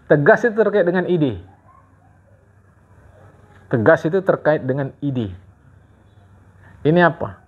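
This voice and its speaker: Lively preaching man, lo-fi recording. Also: on the high side. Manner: lively, rhetorical questions, quizzes the audience. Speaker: religious teacher. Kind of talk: recorded study-circle sermon. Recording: dull lo-fi recording.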